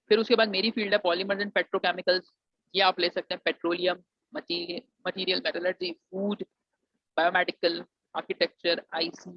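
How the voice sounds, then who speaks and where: A man's voice: high voice, vocal fry, no room sound. A man from Pakistan, advising students on engineering admissions and mixing English phrases into his talk. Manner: mixes English phrases into Urdu, calls students "beta". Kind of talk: explanatory lesson to students. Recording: dull, dry lo-fi recording.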